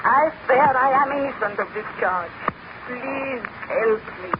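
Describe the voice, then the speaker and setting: An actress playing a frightened young servant accused of a crime, pleading and indignant, in a 1930s radio drama. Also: female voice, a little high, measured pace, close to an everyday voice. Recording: hissy, muffled 1930s radio recording.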